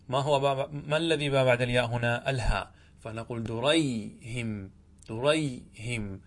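A male grammar teacher giving a lesson in a classroom. He talks at an unhurried pace, stretches out each example word and says it more than once. He keeps asking his listeners short questions as he goes. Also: mid-range voice, a bit bright. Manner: slow and deliberate, repeats and stretches out example words, asks the class questions. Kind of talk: classroom lesson explaining a text.

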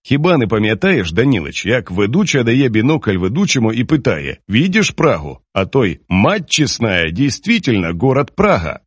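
A man's voice: mid-range voice, sing-song, moderate pace, few pauses, breathy edge, dry recording. A male narrator voicing a sly Soviet man telling a mocking anecdote in an audiobook. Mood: joking.

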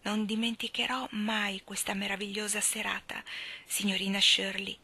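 A woman's voice: mid-range voice, little pitch movement, moderate pace, pushed and bright, breathy edge. A woman voicing a dramatic, gushing young woman in an audiobook reading, speaking in a breathless, theatrical way.

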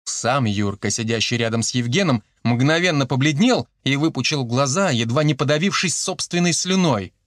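A man reading an audiobook in steady storytelling narration. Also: medium pitch, moderate pace, few pauses, no room sound, studio quality.

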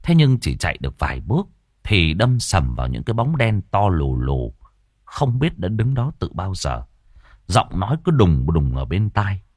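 A man narrating a ghost story in a dramatic, expressive, scripted style. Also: deep voice, moderate pace, dry recording, studio quality.

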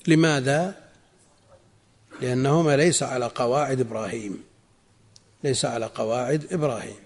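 A man teaching a religious text in a measured, explanatory way, repeating key phrases for emphasis. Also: mid-range voice, in a large hall. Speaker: Islamic scholar teaching a text.

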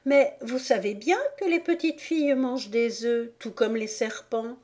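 A woman's voice: a little high, measured pace, a little mellow, voice pushed up, lightly acted. A woman voicing a sincere, polite young girl in an audiobook, speaking earnestly and protesting. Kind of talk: audiobook character voice.

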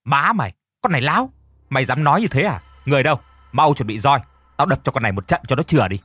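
A man's voice: mid-range voice, fairly quick, a bit bright, no room sound, close to an everyday voice. A man voicing a domineering wealthy older woman who barks orders and stammers in panic. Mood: furious.

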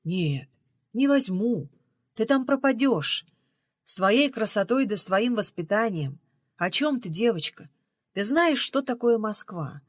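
A woman reading the part of a weary, sardonic middle-aged man in an audiobook, gruff and ironic as he lectures. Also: medium pitch, expressive, a little slow, dry recording, studio quality. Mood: grim.

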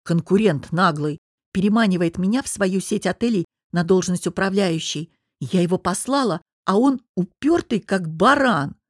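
A woman's voice: mid-range voice, brisk, no room sound, studio quality, natural voice. A woman doing a bubbly, chattering young woman. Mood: lively. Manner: excited, chattering, teasing.

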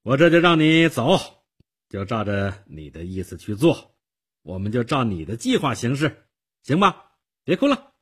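A man's voice: medium pitch, very animated, measured pace, husky, voice pushed up. Man voicing a wary young fugitive. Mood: placating. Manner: suspicious, grudging. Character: wary young male fugitive, suspicious and gruff.

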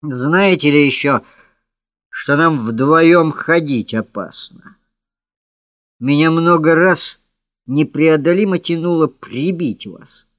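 A feverish, lovesick young man pours out obsessive declarations, as a male reader acts him out. His slow, impassioned delivery keeps rising into pleading outbursts. The audiobook recording sounds dry and dull. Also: medium pitch, no echo. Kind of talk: audiobook reading of a classic novel.

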